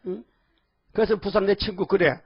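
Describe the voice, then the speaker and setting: A man preaching a sermon in a folksy, rambling way, often calling out to the congregation with quick questions. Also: sits high, steady tone, breathy edge. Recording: dull lo-fi audio.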